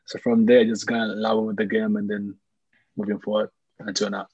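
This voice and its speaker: A young man with a Congolese accent talks in a casual, looping interview style. His voice sits low and has a husky grain. The recording is slightly dull and has a clear room echo. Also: little pitch movement, fairly quick, darkish tone. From Congo (DRC), later Malawi. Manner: conversational, repetitive, peppered with "like" and "you know". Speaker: soccer player being interviewed.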